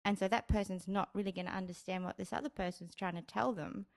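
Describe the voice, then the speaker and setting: A woman's voice: mid-range voice, steady tone, fast, vocal fry. A woman from Australia with a Brisbane accent, chatting casually and frankly as an interview guest. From grew up in Australia. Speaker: guest, Japanese interpreter-translator. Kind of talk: casual chat.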